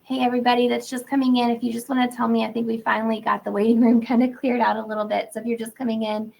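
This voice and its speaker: Racing through her words, this woman greets webinar attendees by name with upbeat informality, though a sore throat and cold are wearing her voice down to a gravelly, husky rasp. She's a literacy educator teaching live from an indoor room, her pitch on the high side, darkish and fairly unvaried. Slight background noise mars the low-quality audio.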